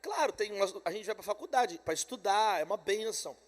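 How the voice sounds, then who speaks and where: A Brazilian man preaching a conference sermon, telling a story with energy and swinging between loud calls and quiet asides. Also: high voice, lively intonation, fairly quick. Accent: Brazilian Portuguese. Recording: long hall reverb.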